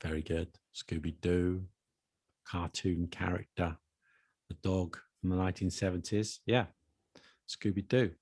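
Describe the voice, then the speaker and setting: A man's voice: low-pitched, steady tone, measured pace, pauses often, darkish tone, husky, no room sound. A man co-hosting a casual podcast chat, quizzing his co-host on slang in a playful, dry manner.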